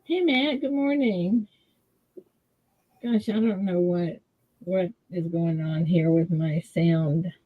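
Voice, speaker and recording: A woman's voice: on the low side, slow pace, pauses often. Muffled woman, like through a wall. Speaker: livestream co-host. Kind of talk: casual chat on a video call. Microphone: computer mic on a video call.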